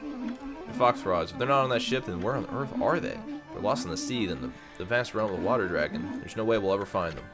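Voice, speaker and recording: A man's voice: fairly low pitch, big pitch swings, brisk, over music. A man voicing an anxious adult woman priestess companion in a video game, earnest and fretful.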